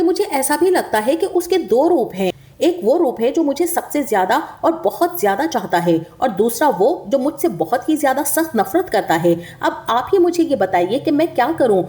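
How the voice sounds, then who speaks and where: A woman reviewing a television drama, narrating the coming plot in a steady storytelling manner and retelling the characters' lines plainly. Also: sits high. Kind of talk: scripted narration of upcoming plot.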